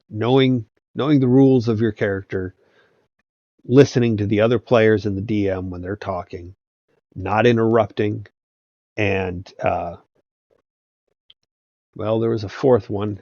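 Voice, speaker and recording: A tabletop game master who hosts videos offers wandering, casual advice, riddled with hesitations and restarts. His fairly low, slightly mellow voice is unhurried and fairly even, with frequent pauses. It's a dry, dull lo-fi recording with faint background music.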